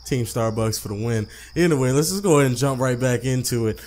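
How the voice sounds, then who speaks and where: A let's play host reads a visual novel aloud quickly in a medium-pitched, a little mellow voice. It's a conversational delivery full of casual comments, stumbles and reread lines.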